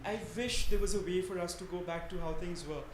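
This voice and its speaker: A man's voice: high voice, fast. A man from India asking a long, earnest question from the audience at a conference, with many fillers. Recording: echoey room, faint ambient noise.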